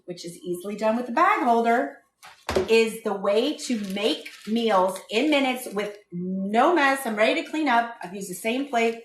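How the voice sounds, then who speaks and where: A woman's voice: a little high, expressive, normal speed, echoey room, recorded from a distance, noisy background. A woman hosting a live cooking stream from her kitchen, chatting casually and rambling from one tangent to the next. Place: home kitchen.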